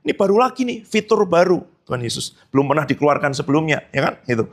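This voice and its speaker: A man preaching a sermon as pastor, asking the congregation rhetorical questions and slipping in casual joking asides. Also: fast talker. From Indonesia. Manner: animated preaching with sudden high emphatic jumps and rhetorical questions.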